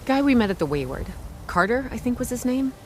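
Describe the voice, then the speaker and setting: In this video game line, a woman plays a young treasure hunter who is scrappy and friendly, speaking naturalistically in a frank, helpful mood. Her delivery is casual, earnest and a bit hesitant, her voice a little high, brisk and full of big pitch swings. There's a slight hiss or hum on the recording.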